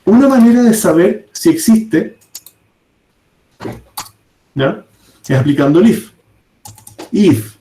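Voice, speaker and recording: A man's voice: high-pitched, animated, slow pace, pauses often, dark tone, a little hiss or hum. A man teaching a programming class, explaining step by step and often checking in with his students. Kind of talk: live coding class. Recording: echoey room.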